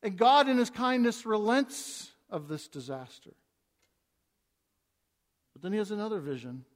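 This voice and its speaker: A man preaching an expository sermon, reading scripture aloud and swinging between hushed and emphatic delivery, with stumbling restarts. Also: sits high, sing-song, a little slow. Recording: long reverb of a large hall.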